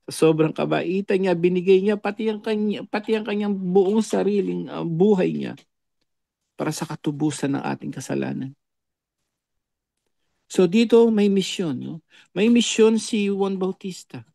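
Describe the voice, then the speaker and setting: A man preaches an earnest reflection, his voice set high and carrying a gravelly edge. He tags his phrases with a questioning "no?" and slips into English. The sound is close and dry. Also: darkish tone, dry recording. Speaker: lay preacher on a religious show.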